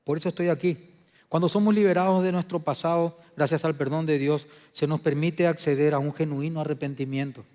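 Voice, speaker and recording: A pastor delivers his sermon in a fairly high voice. He moves between soft, hushed testimony and loud, emphatic preaching. The church hall adds a long reverb behind him. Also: fairly even intonation, brisk. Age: adult. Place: church sanctuary.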